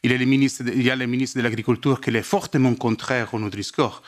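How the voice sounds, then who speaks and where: Halting Italian-accented man at a seminar. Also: mid-range voice, steady tone. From Italy. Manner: halting, searching for words, non-native phrasing. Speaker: lobbyist asking a question from the audience. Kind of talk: spontaneous public question at a seminar.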